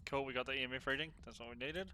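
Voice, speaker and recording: A man doing casual solo gameplay commentary, chatty and slangy as he thinks out loud. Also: mid-range voice, fairly even intonation, rapid-fire, slight background noise. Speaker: gaming streamer.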